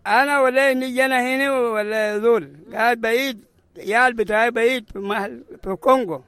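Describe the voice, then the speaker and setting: A man's voice: extremely high pitch, fairly even intonation, brisk, a bit bright, smooth, dry recording. An 80-year-old man from South Sudan, a refugee giving short, plain answers in an interview. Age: 80s.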